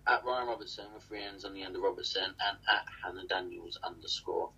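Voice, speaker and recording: A man's voice: low-pitched, steady tone, fairly quick, bright, forceful tone, slightly rough, rough recording. A young man co-hosting a casual livestream from a small room, chatting and thanking viewers by name. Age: young adult. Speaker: livestream co-host. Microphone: webcam at desk.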